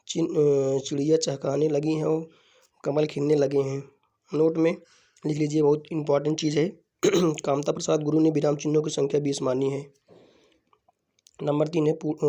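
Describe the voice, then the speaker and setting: A man teaching a Hindi grammar lesson, often pausing and repeating words as he dictates notes. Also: a little high, vocal fry, dark tone. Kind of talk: classroom-style lesson explaining punctuation.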